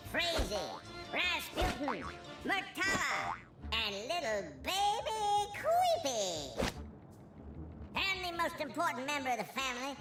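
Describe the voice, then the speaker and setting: A woman's voice: high voice, full character voice. An actress playing a grandiose flea circus ringmaster in a video game, announcing theatrically like a showman. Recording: echoey, over game music.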